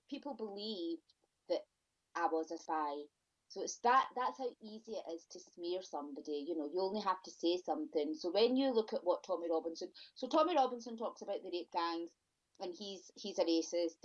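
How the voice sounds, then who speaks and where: A woman guest in a podcast interview, talking emphatically and often repeating and restarting her phrases. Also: lowish voice. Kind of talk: conversational interview. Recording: lo-fi dull audio.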